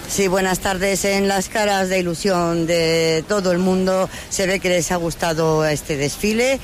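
A woman from reporting on location from a crowded street parade, in a lively manner. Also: fairly low pitch, measured pace. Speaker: field reporter. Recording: outdoor street noise behind.

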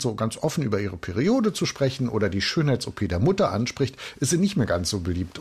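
Husky man, lively film critic. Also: medium pitch. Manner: lively storytelling, quoting scenes. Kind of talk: radio film review chat.

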